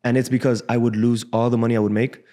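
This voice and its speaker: A man in his twenties, born in Cuba and raised in Miami, speaking as a guest in a casual, frank interview in a podcast studio on a boom mic. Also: fast. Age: 20s. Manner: relaxed, frank, casual slang. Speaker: guest trader. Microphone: desk boom mic.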